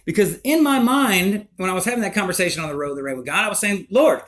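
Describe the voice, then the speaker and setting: A man recounting a personal life story in a rambling, emotional, animated way. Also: high-pitched, fast talker.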